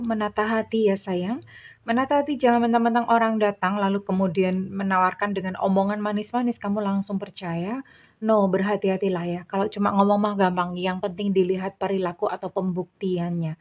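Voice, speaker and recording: A woman's voice: medium pitch, steady tone, normal speed, lo-fi sound. A middle-aged woman, reading tarot cards in a casual, chatty way, teasing and laughing as she talks. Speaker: tarot reader.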